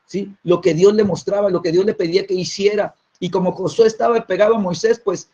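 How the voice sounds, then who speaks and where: A man delivers a teaching sermon in a husky voice that sits a little high for a man. He keeps checking in with short tag questions and repeats words as he restarts his phrases. The recording is muffled and lo-fi. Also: fairly even intonation, brisk, mellow. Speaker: preacher. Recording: dull lo-fi recording.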